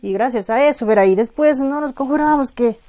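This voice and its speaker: A middle-aged woman with a southern Andean Ecuadorian accent, giving personal testimony as a victim's mother, halting and emotional, full of reported speech. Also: high voice, mellow. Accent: southern Andean Ecuadorian Spanish, Azuay.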